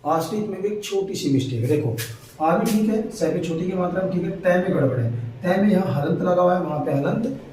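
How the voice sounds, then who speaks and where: Echoey teacher far from the mic. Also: male voice, high-pitched, expressive, darkish tone. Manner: repeats checks like "ठीक है" and "है ना"; stretches words out slowly to spell them. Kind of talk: exam-prep lesson. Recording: very echoey room, far from mic, faint noise.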